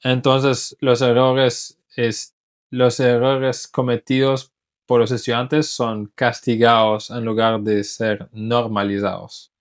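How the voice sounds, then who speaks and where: A man's voice: mid-range voice, little pitch movement, takes it slowly, clean tone. A man whose first language is English, an English teacher talking casually in Spanish, thoughtful, often restarting words as he searches for them. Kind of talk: casual talk to camera.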